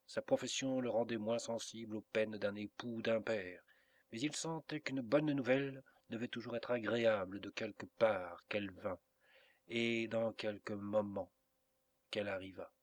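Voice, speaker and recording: A man reading a classic novel aloud as an audiobook narrator, in a measured, even delivery. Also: lowish voice, no room sound. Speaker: audiobook reader. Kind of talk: literary narration.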